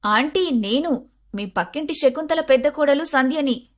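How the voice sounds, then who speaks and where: A scheming young daughter-in-law voiced by a woman with a fairly high, pert voice for an animated moral story. She talks sharply, sliding into sugary sweetness when she wants something. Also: normal speed.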